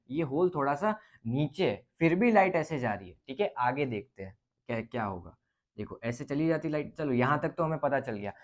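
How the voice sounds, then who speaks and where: A man teaching a physics lesson on light, talking through a problem in a loose, conversational way and often checking in with his students. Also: on the high side. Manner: casual, repeats "ठीक है" and thinks aloud. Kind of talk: explaining a lecture on light.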